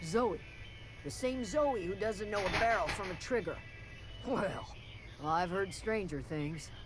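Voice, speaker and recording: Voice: medium pitch, unhurried, loud music behind the voice, close to an everyday voice. A voice actor playing a townsperson in video game dialogue, relieved about a runaway and speaking in a dry, wry, matter-of-fact way. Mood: wry relief.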